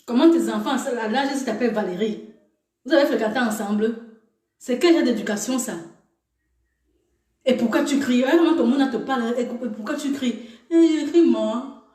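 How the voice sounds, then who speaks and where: A woman's voice: fairly high pitch, normal speed, long pauses, darkish tone, reverberant. A woman commenting on a clip in a teasing, scolding way, laughing in between. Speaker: video commentator. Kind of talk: mocking reaction commentary.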